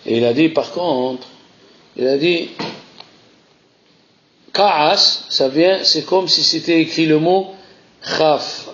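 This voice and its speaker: A man teaches a Torah class in an animated, insistent way, circling back to repeat his key phrases. His voice sits a bit high. The recording is muffled and lo-fi. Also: slow pace, pauses often. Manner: animated, repeats key phrases, mixes Hebrew terms into French. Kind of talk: Torah lesson.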